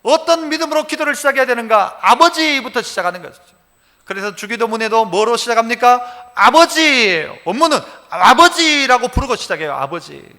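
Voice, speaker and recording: Man, pastor, conversational sermon, rhetorical questions, very high voice, reverberant church hall. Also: animated, fairly quick, bright, forceful tone. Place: church sanctuary.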